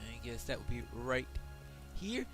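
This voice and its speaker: A man's voice: medium pitch, very animated, a little slow, a bit bright, faint music behind. A man giving casual solo game commentary, musing aloud to himself with wry asides. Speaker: gameplay host and player.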